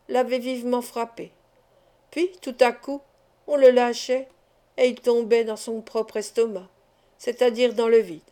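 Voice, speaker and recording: Mellow-voiced woman reading a novel aloud. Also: fairly high pitch. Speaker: audiobook narrator. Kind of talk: expressive audiobook reading.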